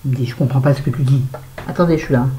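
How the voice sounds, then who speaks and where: A woman's voice: extremely low pitch, rapid-fire, echoey room, background noise. A woman telling a story to her viewers in a casual vlog while doing her make-up, chatty and swearing freely. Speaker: vlogger. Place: bedroom at home.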